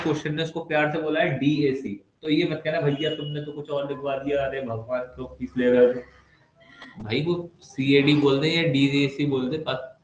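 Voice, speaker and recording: A man's voice: fairly high pitch, muffled recording. Male maths tutor, playful, teasing, chatty; roomy echo, faint hiss behind. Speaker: maths teacher. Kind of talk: online class lecture. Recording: echoey room with faint background noise.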